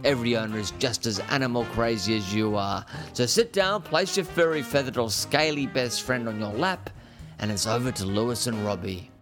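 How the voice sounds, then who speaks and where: A man's voice: mid-range voice, moderate pace. A man reading a scripted podcast introduction as an announcer. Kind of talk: scripted narration. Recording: guitar music behind the voice. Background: guitar music.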